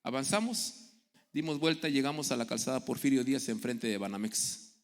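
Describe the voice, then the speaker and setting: A middle-aged man preaches a sermon in a gravelly, creaky voice. He tells stories from daily life and acts out the people in them. The recording carries the long reverb of a large hall. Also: medium pitch, brisk. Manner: storytelling, acting out quoted voices.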